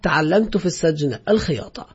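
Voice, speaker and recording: A resentful ex-convict, read by a man in a high, husky voice, clipped and bitter, with sardonic edges. The audiobook recording sounds dull and lo-fi, with faint music under it. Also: animated, fast. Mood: curt.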